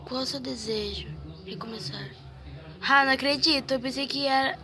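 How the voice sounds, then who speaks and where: A woman with a Brazilian accent, hoarse and stuffy-nosed, thinking aloud as she guesses through a quiz game, with mild swearing. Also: high voice, fairly quick, pushed and bright. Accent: Brazilian Portuguese. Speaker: gaming channel host. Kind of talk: casual gameplay commentary.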